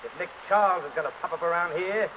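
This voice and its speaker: Curt tough crook, muffled old recording. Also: male voice, high-pitched, fast, bright, forceful tone. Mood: defiant, edgy. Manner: slangy tough-guy talk, curt. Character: tough, nervous small-time crook with a record. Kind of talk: 1930s radio crime drama acting. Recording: dull old radio recording with hiss.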